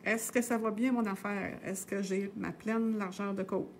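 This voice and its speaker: A woman's voice: medium pitch, steady tone, normal speed, slight background noise. Chatty Québécois woman teaching knitting. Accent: Québécois French. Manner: chatty and meandering, with many "euh" and tag "là". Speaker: knitting instructor on a live stream. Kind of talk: casual live knitting tutorial.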